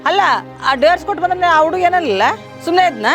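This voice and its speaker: Actress as nosy old granny, North Karnataka accent, very high, quick, music bed. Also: female voice, animated, fairly bright tone. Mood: gossipy. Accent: North Karnataka Kannada. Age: older. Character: gossiping old village grandmother. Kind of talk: short film acting.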